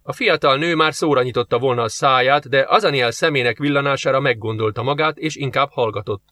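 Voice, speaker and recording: Guy reading an audiobook, steady and measured, bright voice. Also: mid-range voice, dry recording. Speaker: audiobook narrator. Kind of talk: audiobook narration.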